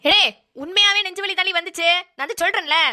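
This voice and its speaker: With an extremely high, pushed and bright voice, a woman talks fast in a heavily acted cartoon role. She plays a mischievous elderly grandmother who fakes fainting, giving her a teasing, rustic manner.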